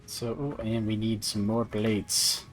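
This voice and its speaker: A man's voice: lowish voice, steady tone, takes it slowly, faint music behind. A man streaming a video game, talking casually to viewers and thinking aloud with fillers and playful asides.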